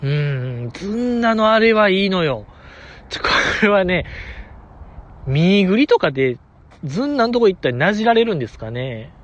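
Lively Kansai man chatting solo. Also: high voice, moderate pace, highs cut off. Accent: Kansai Japanese. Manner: rambling, enthusiastic fan commentary. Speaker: podcast host. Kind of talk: casual solo chat.

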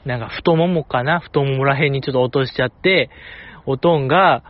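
A man's voice: mid-range voice, brisk, no room sound, lo-fi sound. Kansai-accented man, chatty and teasing. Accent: Kansai Japanese. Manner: chatty, jokey, teasing asides. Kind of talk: casual solo radio talk.

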